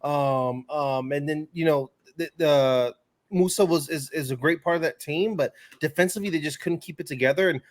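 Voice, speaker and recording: In casual sports discussion on a soccer podcast, this male co-host and pundit trades emphatic opinions full of slang. He speaks at a moderate pace in a slightly high voice.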